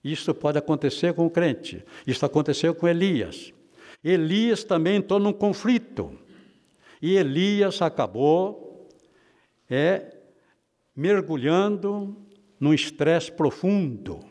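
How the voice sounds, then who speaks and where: A man's voice: on the high side, expressive, takes it slowly, a little mellow, long reverb tail. A man with a Brazilian Portuguese accent teaching a Bible class, emphatic and repeating his phrases for weight. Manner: emphatic, repeats phrases, calls listeners brother.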